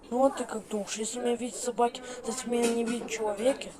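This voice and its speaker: A shadowy corgi puppy played by a woman speaks in short, muted replies. The voice is pitched down from the performer's own but still fairly high, aloof, in a homemade role-play with a busy background. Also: steady tone, fast, crowd noise, close to an everyday voice. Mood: matter-of-fact. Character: dark invisible corgi puppy, aloof and terse. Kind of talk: improvised pet role-play.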